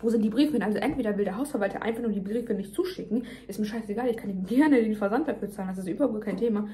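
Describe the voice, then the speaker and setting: A woman's voice: mid-range voice, very fast, mellow, a little hiss or hum. A young woman venting emphatically in casual chat to her viewers, talking while chewing. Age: young adult. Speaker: vlogger. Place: home kitchen, indoors.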